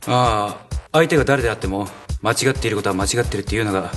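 An actor playing a soft-spoken band vocalist. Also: male voice, fairly low pitch, racing, faint music behind, close to an everyday voice. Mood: earnest. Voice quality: quiet, small voice. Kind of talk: TV comedy sketch acting.

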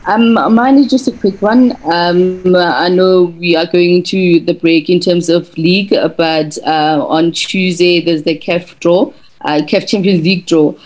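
Low-voiced woman journalist, polite and orderly. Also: fairly even intonation, unhurried, darkish tone, poor audio. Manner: polite, orderly, numbered questions. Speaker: sports journalist. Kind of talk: press conference question.

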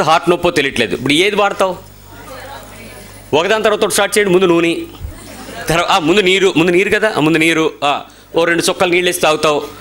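Bright-voiced Telugu preacher, pointed questions. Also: male voice. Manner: rhetorical questions, swings from loud to low asides. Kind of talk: sermon.

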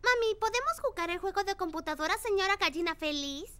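Peppa Pig, squeaky little girl pig. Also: brisk, fairly bright tone. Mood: eager. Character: little girl pig, cheerful, eager and bossy. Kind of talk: children's cartoon dub.

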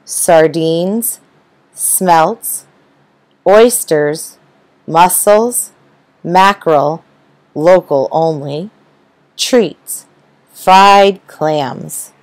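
A woman narrating a rhyming children's story, gentle and rhythmic. Her voice sits low and moves at an unhurried pace. The recording is dry and close. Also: dry recording, rough recording. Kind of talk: children's story reading in rhyme.

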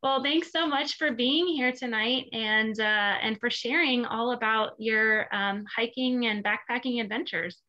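A woman's voice: a little high, unhurried, hardly any pauses, pushed and bright, highs cut off. A woman in her thirties hosting a webinar and introducing panelists, upbeat and chatty with many fillers. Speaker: webinar host.

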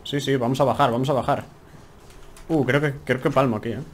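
A man's voice: mid-range voice, steady tone, a little fast, a little hiss or hum. A young man with a Spain Spanish accent giving chatty, exclaiming commentary as he plays a game from home. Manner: chatty, exclaiming, talks to himself while playing. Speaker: gameplay streamer. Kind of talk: casual let's-play commentary.

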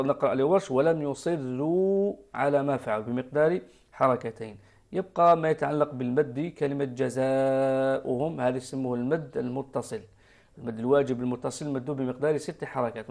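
A man's voice: fairly high pitch, creaky, a little mellow. A man with an Algerian Arabic accent, a Quran recitation teacher patiently correcting callers' recitations on a live broadcast. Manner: patient, explanatory, demonstrates pronunciation.

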